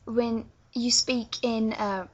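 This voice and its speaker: Speaking slowly with a steady tone, she has a fairly high, slightly breathy voice and a London accent. In her relaxed accent tutorial she hesitates and stumbles a lot, recorded through a dull, lo-fi webcam.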